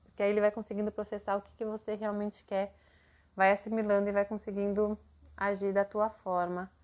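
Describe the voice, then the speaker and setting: A woman's voice: medium pitch, little pitch movement, a little fast, a little mellow, dull audio. A woman mentoring parents in a live online session, explaining patiently and acting out what to say to a child.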